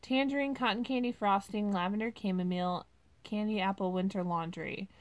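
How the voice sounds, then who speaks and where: A woman's voice: mid-range voice, steady tone, brisk. A woman vlogger casually reviewing wax melts at home, chatty and gushing, with many ums and likes.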